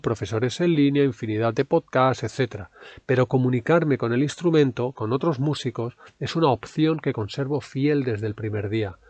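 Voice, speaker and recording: Male Spanish teacher reading an article aloud: calm, measured, clear diction, mid-pitched, dry close sound. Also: dry recording.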